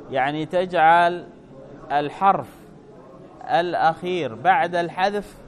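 A man teaching a grammar lesson, repeating key points and checking that his listeners follow with quick questions. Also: on the high side. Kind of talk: classroom explanation.

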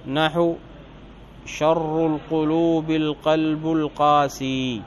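A man teaching Arabic grammar, explaining a text line by line. He reads the quoted passages louder, slows down on examples and corrects his own slips. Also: mid-range voice, poor audio. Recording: faint background noise.

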